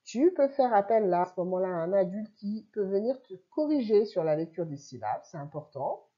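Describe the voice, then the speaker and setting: A woman teacher giving a remote reading lesson to young children, sounding out syllables slowly and clearly and encouraging the child. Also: medium pitch, very animated, mellow, muffled recording. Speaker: primary school teacher.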